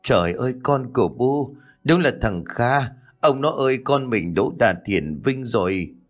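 A man's voice: mid-range voice, expressive, a little slow, faint music behind, close to an everyday voice. A man voicing an anguished old village mother who scolds her son in a choked, tearful voice.

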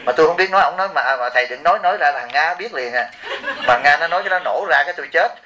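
A man's voice: a little high, lively intonation, rapid-fire, background noise. A monk giving an informal dharma talk, telling rambling anecdotes and joking back and forth with his audience. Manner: rambling storytelling, bantering with the audience.

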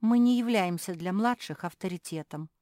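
A woman's voice: medium pitch, moderate pace, mellow, no room sound, lightly acted. Storybook: a glum, sighing pug sister, read by a woman. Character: gloomy sensible pug sister.

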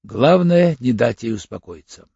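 A man narrating an audiobook in a steady, even storytelling manner. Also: mid-range voice, measured pace, vocal fry, slightly rough, no room sound. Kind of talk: scripted narration. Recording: dull lo-fi audiobook recording.

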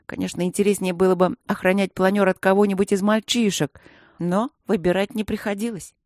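A woman reading a children's story aloud with an expressive, playful delivery. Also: mid-range voice, fairly quick, no echo, clean studio sound. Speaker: audiobook narrator. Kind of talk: lively children's story narration.

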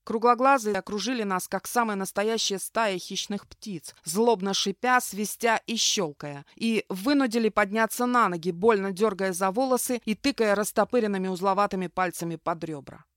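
A woman narrates a first-person fantasy audiobook, reading with heated, vivid intensity. Her voice sits at a middle pitch in a dry, close recording. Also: normal speed, few pauses, no echo.

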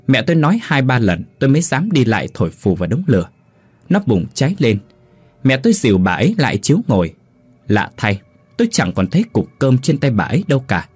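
Expressive male horror narrator, husky tone, very animated pitch, dry close mic. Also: no echo. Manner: lively, expressive reading. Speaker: storyteller. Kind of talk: scripted horror story narration.

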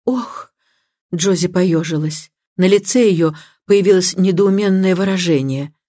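A woman narrating a classic detective novel audiobook in a measured, expressive reading. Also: fairly low pitch, no room sound, studio quality. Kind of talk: scripted narration.

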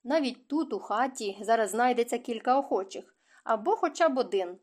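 A woman's voice: a little high, lively intonation, brisk, darkish tone. A woman reading a composed young society lady who speaks with patient, cool firmness. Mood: patient firm.

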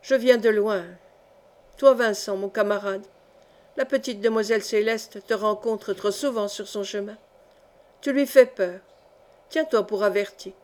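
A woman reading the lines of a calm, good-natured young man who leads a band of forest outlaws, with a touch of emphasis. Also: mid-range voice, measured pace, long pauses, close to an everyday voice. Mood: calm warning. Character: calm, wry young male forest smuggler.

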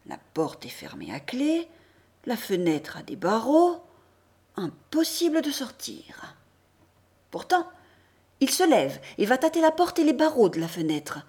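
Slow, expressive woman audiobook narrator. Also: a little high, slightly rough. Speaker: audiobook reader.

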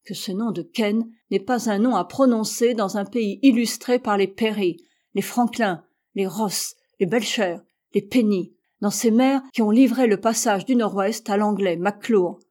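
A woman's voice: medium pitch, a little slow, darkish tone, natural voice. A woman voicing a proud, cold English sea captain who speaks curtly and ironically, building to anger. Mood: angry. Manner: curt, ironic, rising to anger.

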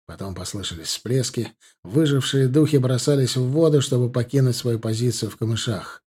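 A man narrating a novel in the first person as an audiobook reader, in a steady, measured way. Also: mid-range voice, breathy edge.

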